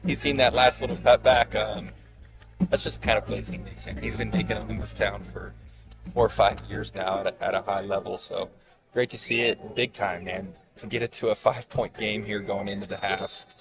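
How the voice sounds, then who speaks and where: A man in the color commentator's seat, breaking down football plays in a relaxed, conversational way. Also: lowish voice, normal speed, creaky, over music. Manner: relaxed, conversational, with fillers and restarts. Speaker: color commentator and high school coach. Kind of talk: casual analytical sports commentary.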